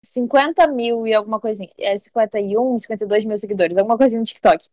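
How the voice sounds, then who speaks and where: A woman's voice: fairly high pitch, fast talker, no room sound, lo-fi sound. A young woman, a social media creator, chatting casually as an interview guest and telling stories animatedly, acting out the voices of people she quotes. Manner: animated storyteller who acts out quoted voices and says "tipo" often.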